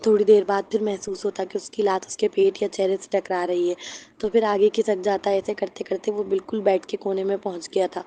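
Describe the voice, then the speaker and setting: A woman narrating a romance novel aloud as the channel's reader, in a steady, unhurried manner. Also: mid-range voice, slight background noise. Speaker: audiobook narrator.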